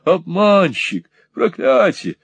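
Screeching angry laundress woman, a man reading her, high and loud. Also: wildly swooping pitch, slow pace, creaky, slightly rough, no echo, heavily acted. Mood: shrieking rage. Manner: screeching, accusing. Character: shrieking furious middle-aged laundress woman. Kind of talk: audiobook character voice.

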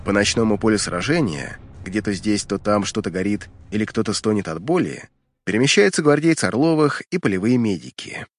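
A man's voice: fairly low pitch, lively intonation, a little fast. A man narrating fiction from a script as an audiobook reader, in a dramatic storytelling style.

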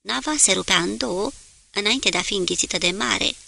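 A woman reading a novel aloud as an audiobook narrator, in a steady, measured way. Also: medium pitch, gravelly.

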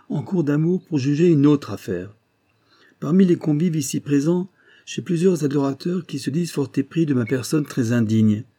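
In an audiobook reading, a man voices a proud, composed young village woman who pleads her case in formal, measured speech. His voice is mid-range and dark-toned, with a slight roughness.

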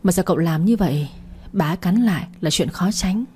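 A woman's voice: lowish voice, normal speed, warm tone, a little hiss or hum, lightly acted. A woman voicing an anxious, loyal older housekeeper who speaks with worry and pleading. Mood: worried. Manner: worried, pleading.

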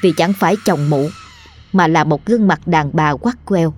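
Female ghost-tale narrator, steady and lowish, soft music under her. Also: moderate pace. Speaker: storyteller.

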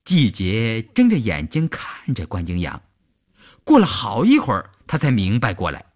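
A man narrating a long-form story for radio in an expressive storytelling voice. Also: on the low side, normal speed.

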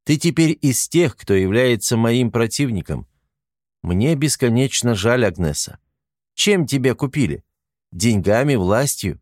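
A man reading an audiobook, voicing a calm male angel who speaks in measured, sorrowful reproach. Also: mid-range voice, dry recording, studio quality.

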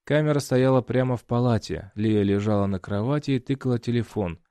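A man narrating a first-person fiction audiobook in a steady storytelling read. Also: medium pitch, fairly quick, clear, resonant tone, dry recording.

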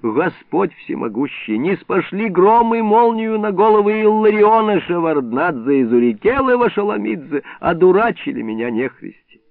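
A man's voice: sits high, very animated, normal speed, creaky, dry recording, voice pushed up, full character voice. A man doing a pleading trapped old villager. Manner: pleading and cursing. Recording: tinny phone-like band, dry.

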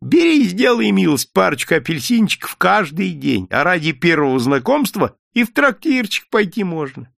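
A man's voice: high-pitched, very animated, unhurried, vocal fry, bright, forceful tone, no room sound, clean studio sound, voice pushed up, full character voice. A man voicing a fawning, wheedling peasant street vendor in an audiobook reading. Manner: wheedling, ingratiating. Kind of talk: audiobook character voice.

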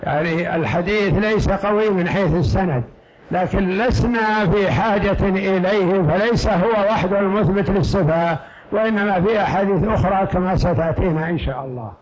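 A man, a sheikh, giving slow, emphatic lecture commentary on a text that was read aloud, repeating key phrases. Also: high-pitched. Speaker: sheikh teaching a creed text. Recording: dull lo-fi lecture recording.

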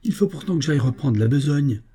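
A man's voice: on the high side, expressive, fast talker, mellow, voice pushed up. A man reading the part of a tall, half-drunk working-class mover who grumbles about his heavy load. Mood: grumbling.

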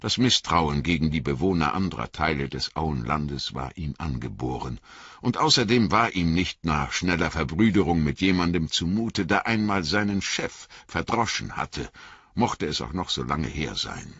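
Male audiobook narrator, very low voice, lively melody, husky, dry dull recording. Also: moderate pace, dry recording. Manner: expressive storytelling. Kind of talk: scripted narration.

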